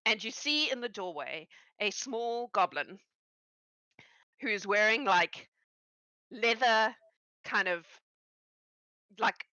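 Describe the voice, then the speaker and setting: A woman's voice: medium pitch, expressive, takes it slowly, long pauses, pushed and bright, no echo, highs cut off. A woman narrating a tabletop game as game master, chatty and playful. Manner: chatty and playful, with many fillers.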